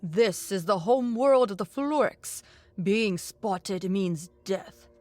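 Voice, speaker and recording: A woman's voice: mid-range voice, lively intonation, moderate pace, no echo, close to an everyday voice. Woman putting on a whispering alien professor. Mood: hushed scolding. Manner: hushed whisper. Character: older male alien professor, scaled, hushed and urgent.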